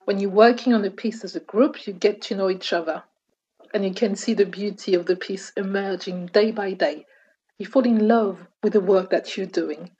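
A woman reading an interview translation as a calm voice-over. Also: medium pitch, normal speed, breathy edge, highs cut off.

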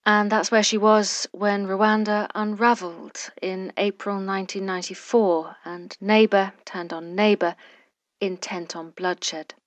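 A woman reporter giving measured, scripted documentary narration. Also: mid-range voice, steady tone, no room sound. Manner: measured, deliberate storytelling.

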